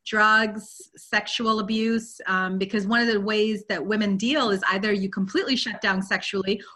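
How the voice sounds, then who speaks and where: Bright-voiced woman telling her story. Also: mid-range voice, fairly even intonation, moderate pace. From Guyana. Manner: candid, open storytelling with frequent "you know". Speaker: guest, spiritual teacher. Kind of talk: personal life story in an interview. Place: Virginia.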